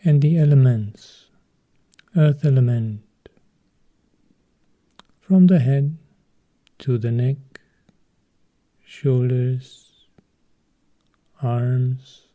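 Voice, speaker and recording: Over phone-quality audio, a man's mid-range voice leads listeners through a meditation. As the teacher, he talks calmly, in brief measured phrases broken by long silences.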